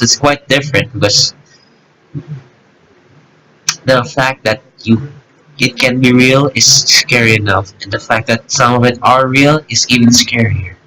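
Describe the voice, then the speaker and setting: Bright-voiced young man rambling to camera. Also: on the low side, slight background noise, low-quality recording. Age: 20s. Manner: chatty, self-mocking, swears freely. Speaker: YouTuber reacting to videos. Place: alone in a room.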